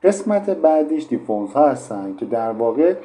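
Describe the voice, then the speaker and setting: A man's voice: medium pitch, big pitch swings, warm tone. A man teaching English pronunciation in an online lesson, explaining patiently with frequent fillers. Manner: explanatory, many fillers like "in fact".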